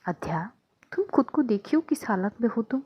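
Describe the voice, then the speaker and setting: A woman voicing a worried, caring young woman who coaxes in soft, half-whispered speech. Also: a little high, sing-song, normal speed, husky, no echo, highs cut off. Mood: soft coaxing.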